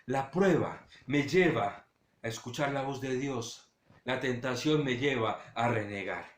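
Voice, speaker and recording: A male pastor giving a sermon, talking straight to his listeners and swinging between loud urging and hushed low passages. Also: a little slow, reverberant. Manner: direct address to listeners.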